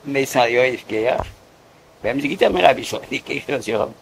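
A man telling a story casually, in a halting way, often repeating words. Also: medium pitch, expressive, creaky, slight background noise, low-quality recording.

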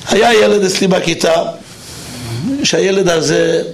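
A man's voice: high voice, fairly even intonation, vocal fry, slight background noise. A man who teaches teenage boys gives an emphatic religious talk on raising children. He tells a personal story, and his voice jumps up on the points he stresses.

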